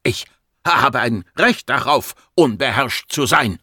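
A man's voice: medium pitch, sing-song, unhurried, fairly bright tone, no room sound, studio quality. A man voicing a grieving, irritable doctor in his forties, bitter and agitated, in an audiobook. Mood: anguished.

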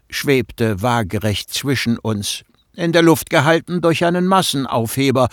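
A man narrating an audiobook in a measured storytelling manner, close to the mic. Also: medium pitch, no echo. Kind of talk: scripted narration.

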